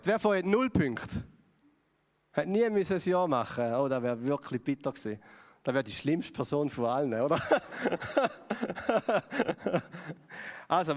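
Brief: Swiss German male preacher, slightly high voice, chatty sermon delivery, long church-hall reverb. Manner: conversational, asks the audience questions.

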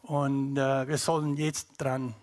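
A man's voice: mid-range voice, flat delivery, slow pace, a little mellow. A middle-aged man from North America, a native English speaker with an English-speaking North American accent in German, gives a personal testimony to an audience, searching for words as he goes.

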